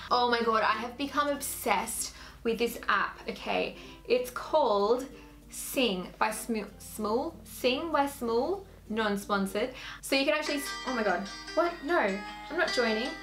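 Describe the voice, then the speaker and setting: Unhurried yet animated, this woman's voice sits a little high and sounds a bit bright, with faint music behind her. She's an Australian YouTuber in her twenties chatting casually to camera in a Q&A, her speech full of "like."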